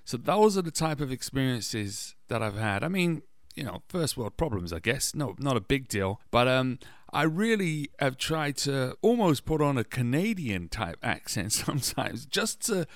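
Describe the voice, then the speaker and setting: A man's voice: medium pitch, very animated, moderate pace, no room sound, studio quality. A man from England with a British accent, hosting a podcast and telling personal stories in a chatty, anecdotal way with wry self-deprecating asides. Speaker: podcast host. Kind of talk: casual personal storytelling.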